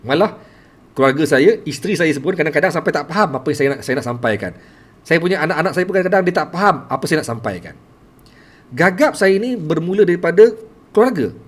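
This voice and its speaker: A man's voice: high voice, slightly rough. A middle-aged Malaysian man, a teacher telling his own story to listeners, speaking earnestly with a heavy stutter, repeating sounds and blocking on words. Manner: earnest, addresses listeners as tuan-tuan. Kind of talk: personal storytelling to an audience.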